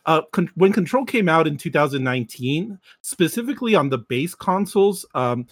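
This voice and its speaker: A man speaking as a podcast guest in casual, halting explanations. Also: fairly high pitch, animated, dry recording, clean studio sound. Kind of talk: casual talk about video games.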